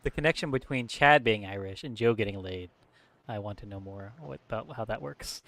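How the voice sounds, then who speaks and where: A man's voice: on the low side, fairly quick, creaky, fairly bright tone, slight background noise. A man co-hosting a podcast, chatting casually with a wry, teasing manner. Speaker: podcast co-host. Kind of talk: casual chat.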